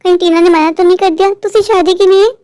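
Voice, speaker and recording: A woman's voice: very high voice, fairly even intonation, fast talker, a little mellow, no echo, studio quality. A woman voicing a doting middle-aged mother bird in a cartoon, fussy and affectionate and afraid of being left alone. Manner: fussing, affectionate. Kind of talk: cartoon voice acting.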